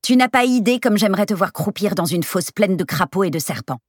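A woman's voice: mid-range voice, expressive, fairly quick, no room sound, clean studio sound, voice pushed up, close to an everyday voice. A woman voicing a brash, teasing young woman friend with a bold, crude, exclamatory way of talking in a storybook reading.

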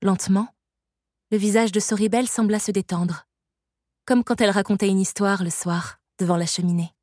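A woman narrating a fantasy story in a steady, measured audiobook reading. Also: medium pitch, dry recording, clean studio sound.

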